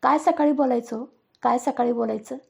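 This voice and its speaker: A woman voicing a stern, fed-up middle-aged mother who nags loudly in a storybook tale. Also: moderate pace, vocal fry, husky, full character voice. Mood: complaining. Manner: shrill, loud, nagging.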